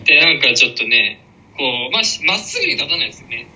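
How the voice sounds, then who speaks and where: Guy co-hosting a chatty podcast, super bright voice, bouncy pitch, rambles and mixes stuff up. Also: rapid-fire, lo-fi sound. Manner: animated, rambling storyteller who mixes up details. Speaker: podcast co-host. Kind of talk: casual chat.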